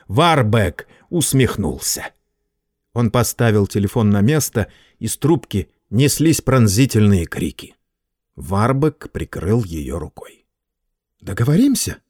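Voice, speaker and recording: Man, audiobook reading, lively rising and falling pitch, dry close recording. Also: takes it slowly, dry recording. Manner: expressive, lively storytelling. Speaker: audiobook narrator.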